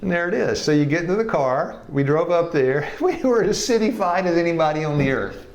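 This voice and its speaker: A man's voice: on the high side, lively intonation, fairly quick, reverberant, highs cut off. A man in his sixties, a health evangelism teacher, telling his life story to a class in a folksy, joking way and laughing often. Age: 60s. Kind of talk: personal testimony in a class. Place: classroom with a live audience.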